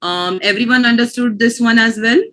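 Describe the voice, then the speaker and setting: A woman's voice: fairly high pitch, normal speed, sharp tone, poor audio. A woman with an Indian accent teaching pronunciation in an online class, explaining patiently and often checking that students follow.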